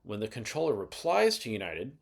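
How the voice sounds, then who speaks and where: Narrating a scripted aviation explainer video, a male host walks through instructions methodically. His fairly low voice has vocal fry, huge pitch swings and a fairly quick pace.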